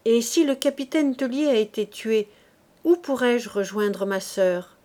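A woman reading aloud, voicing a naive young male soldier in a storybook, speaking in hushed asides and eager pleas. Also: mid-range voice, measured pace, natural voice.

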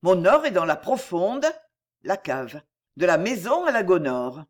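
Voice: mid-range voice, big pitch swings, unhurried. An audiobook reader voicing a male murderer, loyal to his boss, who talks in a blunt, confessional way. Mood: confiding.

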